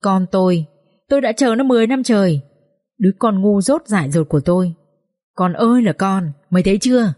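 A woman voicing a distraught older mother in a storybook reading, wailing and shouting. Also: mid-range voice, lively intonation, a little fast, long reverb tail, lightly acted.

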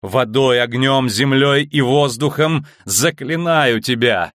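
A man voicing a proud young sorceress in an audiobook, loud and urgent. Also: medium pitch, unhurried, dry recording, studio quality, voice pushed up, close to an everyday voice. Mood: commanding. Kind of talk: audiobook reading.

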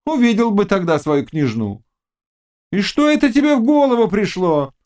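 A man voicing a fierce, mocking young witch and fortune-teller in an audiobook, chanting incantations in a high, loud voice. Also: very animated, normal speed. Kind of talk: audiobook character reading.

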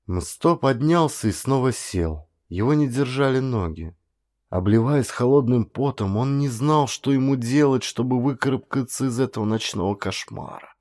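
A man reading a story aloud as narrator, in an even, measured storytelling manner. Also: mid-range voice. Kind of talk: scripted audiobook narration.

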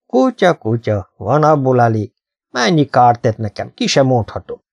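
A man's voice: mid-range voice, sing-song, darkish tone, no room sound. A man voicing a surly, grumbling old marsh fisherman. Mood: scornful. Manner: gruff and scornful. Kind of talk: audiobook character voice.

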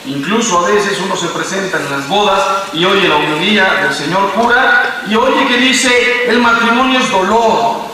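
A Mexican priest in his fifties giving a sermon, telling a story with dramatic swings between loud cries and hushed drops. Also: high voice, normal speed, few pauses, background noise. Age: 50s. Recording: echoey hall from far off, faint ambience.

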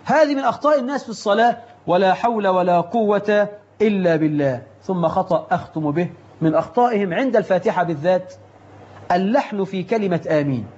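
A man preaching in an Egyptian Arabic accent, giving a religious lesson on prayer in a lively, rhetorical way that mixes classical and colloquial speech. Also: sits high, a little fast, dull audio.

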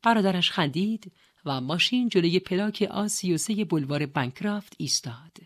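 A woman narrating an audiobook in a steady, measured reading style. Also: on the low side. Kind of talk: scripted narration.

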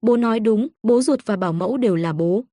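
A woman's voice: a little high, a little fast, mellow, no echo, clean studio sound, close to an everyday voice. A synthetic woman's voice reading the lines of a teasing, amused young father in a storybook.

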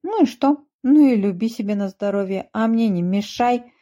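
A woman's voice: fairly high pitch, lively intonation, normal speed, warm tone, voice pushed up, lightly acted. A woman voicing a proud, stubborn little male duckling who quacks into his words. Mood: haughty. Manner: haughty, later panicky, quacks into words. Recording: muffled dull recording.

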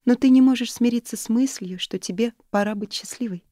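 A woman voicing a gentle, affectionate female friend in an audiobook, speaking in a soft, raised, tender tone. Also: on the high side, fairly quick, no room sound, studio quality, voice pushed up, close to an everyday voice. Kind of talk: audiobook character reading.

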